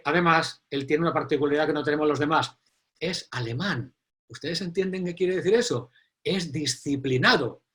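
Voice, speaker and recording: A middle-aged man, hosting an online forum and introducing the next speaker in an animated, emphatic way. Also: fairly high pitch. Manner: animated, emphatic, repeats key phrases. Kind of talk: live online event introduction.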